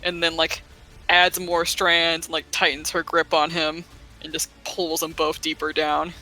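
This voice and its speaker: A man chats his way through a tabletop game with a very bright, tense voice pitched a little high. He leans on 'like' between ideas, and music sits faintly behind him. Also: monotone, a little slow, low-quality recording. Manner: chatty, uses 'like' often. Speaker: player. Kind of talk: casual tabletop play.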